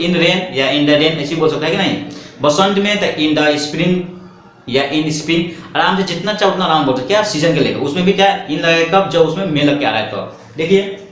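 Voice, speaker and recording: A man teaching a spoken English lesson in Hindi. He asks questions and answers them himself, and he slows right down for the English example sentences. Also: on the high side. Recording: echoey room with faint background noise.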